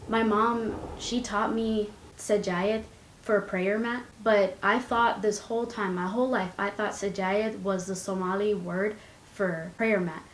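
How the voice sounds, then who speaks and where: A woman's voice: medium pitch, steady tone, measured pace, echoey room, a little hiss or hum, low-quality recording. A young woman vlogging casually at home, chatty and rambling, with giggly asides, recorded on a compact camera's built-in mic. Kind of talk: casual chat. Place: indoors at home, her room.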